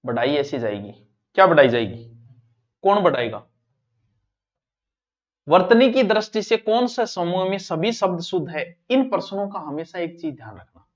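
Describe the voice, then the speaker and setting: A male teacher with a Rajasthani accent, running a lively exam-prep spelling class and teasing his students in local dialect. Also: high voice, highs cut off.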